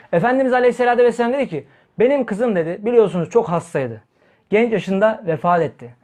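A man's voice: high voice, a little mellow. Heated man preaching a sermon. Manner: heated, blunt, acts out quoted dialogue.

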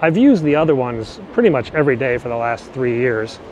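Amid outdoor traffic and street noise, a man with a mid-range, slightly mellow voice narrates his bike ride through the city, filmed on an action camera. This vlogger speaks briskly with lively intonation, rambling chattily and correcting himself, and the audio quality is poor.

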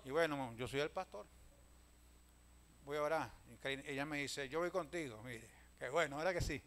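A man, a pastor telling stories in a sermon, swinging from loud calls to hushed asides and often addressing listeners as brother. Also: fairly high pitch, moderate pace. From Venezuela. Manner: storytelling preacher, swings from loud calls to hushed asides, keeps saying "hermano".

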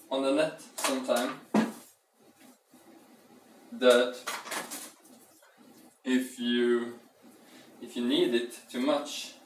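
With a camera set up across his echoey kitchen catching his voice from a distance, a young man bakes bread and makes casual cooking chat for his vlog. He rambles playfully, thinks aloud, and hums, his voice on the high side.

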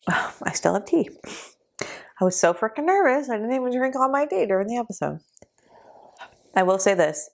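A woman hosting a reaction vlog, tearful and upset, speaking haltingly and trailing off between heavy sighs. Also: medium pitch. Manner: halting, sighing, trailing off mid-sentence. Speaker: reaction video host.

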